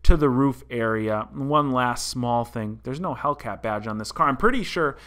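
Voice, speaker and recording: A man in his thirties hosts a car channel, chatting casually and explaining as he walks viewers through a story from an indoor room, vlog-style. He speaks at a moderate pace in a mid-range, slightly bright voice into a desk mic in front of him.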